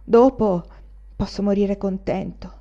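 A woman voicing a restless, quick-tempered young male student, speaking in an impassioned, brooding way. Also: mid-range voice, warm tone, dull audio, lightly acted. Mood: anguished.

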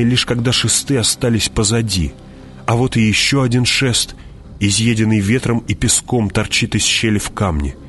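A man narrating an audiobook in a measured, dramatic way, dropping his voice and slowing down at tense moments. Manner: measured, drops voice low and slows on tense moments.

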